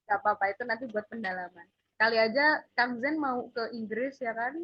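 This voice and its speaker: A woman's voice: fairly high pitch, brisk, husky, highs cut off. A woman teaching a casual one-on-one English lesson, patiently drilling letters for her student to repeat.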